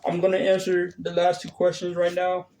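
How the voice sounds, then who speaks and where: A man's voice: high-pitched, monotone, moderate pace, darkish tone. A man in his thirties answering viewer questions in a casual vlog, hesitant and full of fillers and restarts. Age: 30s. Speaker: vlogger.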